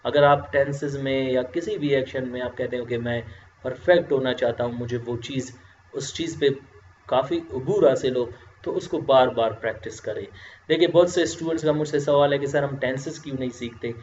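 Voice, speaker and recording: A man teaching English grammar in a recorded lecture, explaining slowly and answering his own questions. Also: mid-range voice, darkish tone, slight background noise. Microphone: voice-over, face not on screen. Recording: roomy, dull lo-fi lecture audio.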